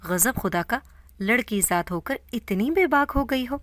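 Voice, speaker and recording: A woman's voice: medium pitch, fairly bright tone, dry recording, natural voice. A woman voicing a stern, angry middle-aged mother who scolds her daughter. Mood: furious.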